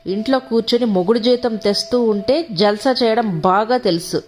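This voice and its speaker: A woman's voice: fairly high pitch, moderate pace, soft background music, close to an everyday voice. A woman reading the lines of a man, an arrogant young husband who mocks and berates his wife. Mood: mocking. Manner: mocking, berating.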